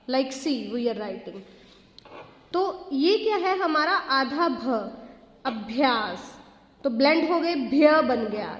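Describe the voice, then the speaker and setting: A woman teaching a grammar lesson, explaining patiently with repeated questions, mixing phrases into her talk and stretching out example words. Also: high voice. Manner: mixes English phrases into Hindi. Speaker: school teacher. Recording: echoey room with long reverb.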